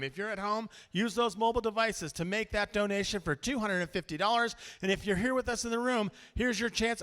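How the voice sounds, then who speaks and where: A man working as auctioneer and emcee at a charity gala, energetically calling out bid levels and paddle numbers, sometimes in a rapid auctioneer chant. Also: sits high, bright, forceful tone. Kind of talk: live fundraising auction calling. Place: large event hall with a live audience. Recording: long reverb of a large event hall.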